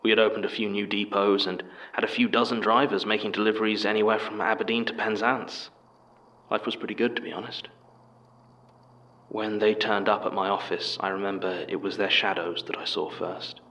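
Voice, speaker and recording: Low hushed man narrating horror. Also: slight background noise, rough recording. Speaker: narrator reading a statement.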